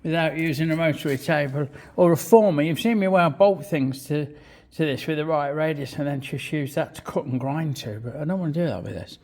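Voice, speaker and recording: A British hobby machinist vlogs from his small home workshop beside a milling machine, swearing freely and talking matily through each step in short bursts. His voice is on the high side, fairly quick, and gravelly. The running mill makes loud machine and engine noise, with clicking throughout.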